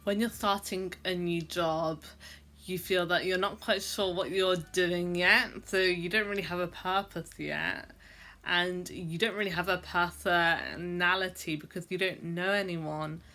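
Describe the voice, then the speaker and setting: A young adult woman who stammers reflects to camera in a personal vlog, using frequent fillers and repeating sounds. Her voice is fairly low, pushed and bright, with a steady tone at a measured pace.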